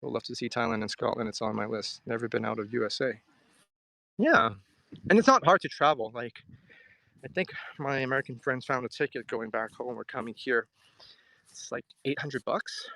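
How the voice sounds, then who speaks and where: This Hong Kong live-streamer muses his way through viewer comments, answering them casually while standing outside at a riverside. His mid-range voice has lively intonation, a moderate pace, and a bright, forward quality broken by regular crackles of fry. Echo is minimal and the sound stays dry.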